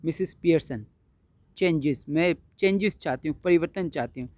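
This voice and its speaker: A man's voice: a little high, a little fast, darkish tone, dry recording. A man teaching English, explaining a play line by line and mixing in translation. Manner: mixes Hindi explanation with English text.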